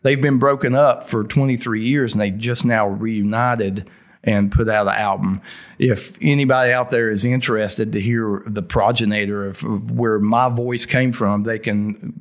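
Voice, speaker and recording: A man's voice: lowish voice, fairly even intonation, moderate pace. A middle-aged man with a thick Southern US accent, telling stories casually in an interview in informal, folksy language. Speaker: interview guest, heavy metal singer.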